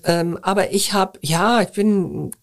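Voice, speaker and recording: An older woman, a former journalist, answering interview questions in a measured, thoughtful way with frequent hesitations. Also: mid-range voice.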